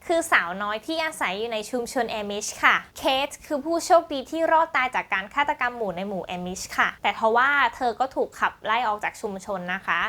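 Woman book vlogger, high bright voice, playful chatty plot summaries. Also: animated, a little fast, hardly any pauses. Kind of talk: casual book review chat.

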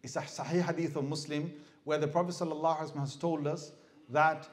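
A middle-aged man giving a lively sermon as an Islamic preacher, asking the audience questions and acting out crying babies. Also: fairly high pitch, quick pace. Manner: animated, asks the crowd questions, mimics crying babies.

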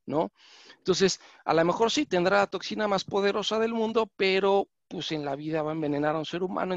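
A man's voice: a little high, no room sound. A man giving an online conference lecture, explaining patiently and correcting himself often with fillers. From Mexico. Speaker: lecturer on venomous animals. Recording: dry, dull lo-fi call audio.

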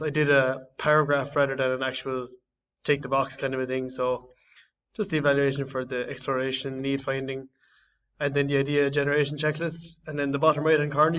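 Halting young man presenting his project. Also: medium pitch, a bit bright. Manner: halting, searching for words, frequent restarts. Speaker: design student. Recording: slightly distant, dull lo-fi audio.

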